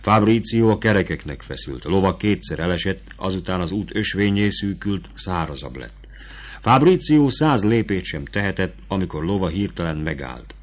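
A man reading a novel aloud as a narrator, in a steady, measured storytelling voice. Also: low-pitched.

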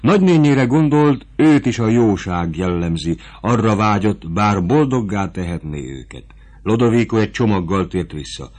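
Brief: a low-pitched man reading a classic novel aloud, steady and measured. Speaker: audiobook narrator. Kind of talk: scripted novel narration.

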